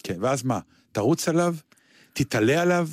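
A man's voice: medium pitch, no echo, clean studio sound. A man co-hosting a casual radio chat, bantering and acting out comic sketches. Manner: lively banter, acts out sketches. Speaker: radio co-host.

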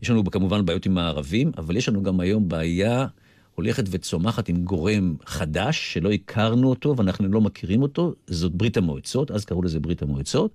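Older israeli guy, deep voice, telling old stories on the radio, wanders into asides, dry close sound. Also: darkish tone, dry recording. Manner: deliberate storyteller who digresses into asides. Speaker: interview guest, retired military intelligence officer. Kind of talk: reminiscing in a radio interview.

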